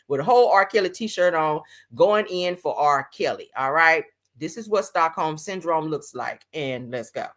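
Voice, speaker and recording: A woman's voice: low voice, expressive, normal speed, hardly any pauses. A woman host giving sassy casual commentary on the news, calling her viewers honey and child.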